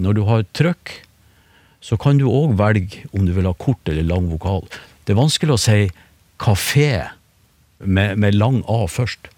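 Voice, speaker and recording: A man explaining word sounds in a relaxed radio conversation, with frequent fillers and restarts. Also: low-pitched, dry recording. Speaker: phonetics expert. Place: radio studio.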